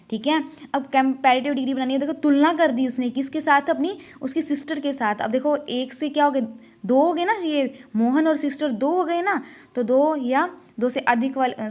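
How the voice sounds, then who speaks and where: A woman with a high voice teaches a grammar lesson. She asks and answers her own questions over and over and addresses her students fondly. She stretches out the example sentences slowly as she reads them. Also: a little mellow. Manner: repetitive question-and-answer drilling, calls students 'beta'; slow, drawn-out reading of example sentences. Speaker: school English teacher.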